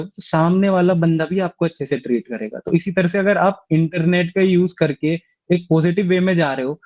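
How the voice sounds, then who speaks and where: A man's voice: on the high side, dry recording, highs cut off. A man lecturing schoolchildren, explaining step by step and often checking whether they follow. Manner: explanatory, with frequent rhetorical check-ins. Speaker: instructor for schoolchildren. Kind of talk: classroom lecture.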